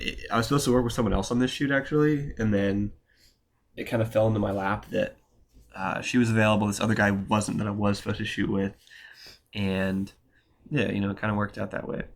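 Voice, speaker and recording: A young man chats casually to the camera about his work, wandering from thought to thought with plenty of fillers and slang. His voice sits low and has a gravelly, creaky edge. A cold leaves it thick and nasal. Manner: loose, rambling, slangy talk with many fillers. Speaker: photographer vlogger. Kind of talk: casual rambling vlog.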